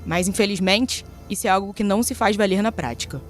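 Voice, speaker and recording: A woman's voice: medium pitch, fast, faint music behind. A Brazilian woman giving earnest scripted narration for a podcast.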